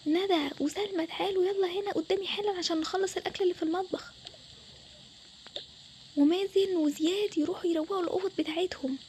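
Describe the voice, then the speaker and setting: Young woman playing a harsh scolding mother, Egyptian accent, storybook game voice, quick-fire delivery, faint background hiss. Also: extremely high pitch, steady tone, a little mellow. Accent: Egyptian Arabic. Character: strict yelling mother, short-tempered and threatening. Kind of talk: storytelling with toy game figures.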